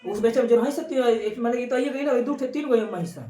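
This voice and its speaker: High-voiced woman teaching in a roomy classroom. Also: quick pace, warm tone, recorded from a distance. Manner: repeats key terms, quizzes students. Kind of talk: classroom maths lesson.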